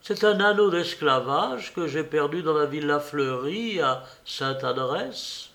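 Man reading a soft, composed accused woman. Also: on the high side, lively intonation, gravelly, heavily acted. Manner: soft, measured.

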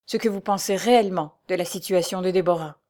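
A woman's voice: fairly low pitch, quick pace, dark tone, natural voice. A woman reading the part of a young nobleman, ardent and pleading, pressing with urgent questions.

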